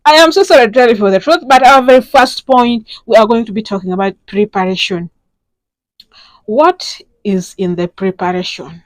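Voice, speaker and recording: A woman's voice: a little high, moderate pace, no room sound, rough recording. Chatty woman sex educator. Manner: chatty, direct, addresses viewers as kings. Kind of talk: casual instructional talk.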